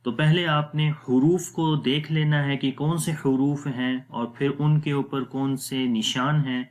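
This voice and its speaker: A man's voice: mid-range voice, fairly even intonation. A man teaching Quran reading rules, explaining each step patiently and repeating them plainly. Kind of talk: step-by-step tajweed lesson.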